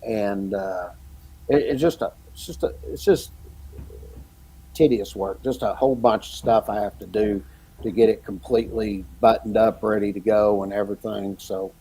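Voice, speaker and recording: Older guy with a husky voice, rambling casual podcast chat, laughs a lot. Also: lowish voice, fairly even intonation, moderate pace, mellow. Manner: rambling, chuckles through stories. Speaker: podcast host.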